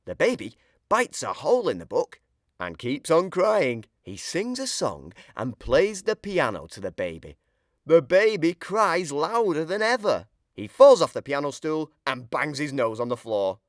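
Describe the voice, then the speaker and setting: A man reading a children's picture book aloud in an expressive storytelling voice. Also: on the high side, a little slow, no echo, clean studio sound. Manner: expressive, sing-song storytelling.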